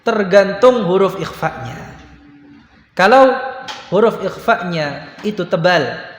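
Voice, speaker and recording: A man's voice: sits high, animated, slow. A man teaching Quran recitation to students, explaining patiently and chanting examples aloud. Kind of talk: religious lesson to students. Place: large room in a school. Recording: echoey hall, faint background noise.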